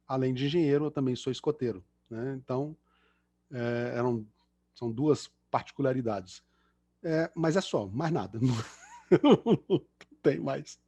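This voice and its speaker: A man's voice: mid-range voice, measured pace, pauses often, warm tone, breathy edge, no echo. A middle-aged man from Belo Horizonte with a Mineiro Brazilian Portuguese accent, a guest engineer chatting and cracking jokes at the end of an online lecture over a video call. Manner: chatty, self-mocking joker with many fillers.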